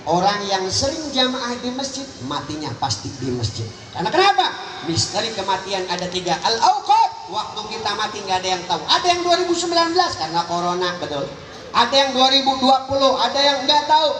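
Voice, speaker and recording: Male preacher, comic sermon, high voice, animated cries; distant phone recording with roomy echo and background noise. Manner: animated, joking, soaring to high emphatic cries. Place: outdoor religious gathering. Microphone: phone recording from the crowd.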